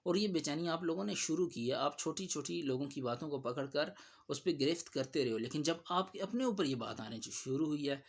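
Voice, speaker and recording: Earnest man giving measured religious commentary. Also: a little high, lively intonation. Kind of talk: spoken commentary to camera.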